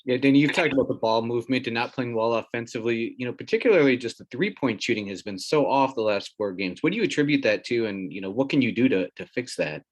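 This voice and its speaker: A man, a reporter joining by video call, asking a coach a question at a press conference in a quick, conversational way. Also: medium pitch, lively intonation.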